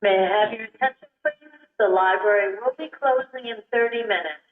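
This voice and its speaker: Woman's voice over a tinny PA loudspeaker. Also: mid-range voice, far from the mic, faint music behind. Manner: formal, measured announcing. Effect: loudspeaker announcement over a PA system. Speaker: library closing announcer. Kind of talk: public address announcement. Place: library room with a PA loudspeaker. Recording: tinny PA loudspeaker, echoey room, heard from afar.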